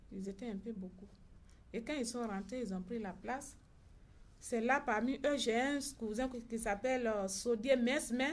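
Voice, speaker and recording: Mother giving testimony. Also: on the high side. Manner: halting retelling with reported dialogue. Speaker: victim's mother. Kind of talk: personal testimony.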